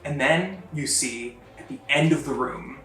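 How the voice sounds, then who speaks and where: A man narrating a tabletop game as game master, lively, laughing often and building suspense. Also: medium pitch, unhurried. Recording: roomy, distant mic, faint music.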